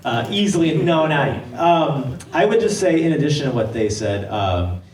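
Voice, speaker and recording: Male panelist, animated, restarts sentences, distant in a reverberant room. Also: on the high side, normal speed. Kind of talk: conversational panel discussion. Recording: echoey room, mic heard from a distance.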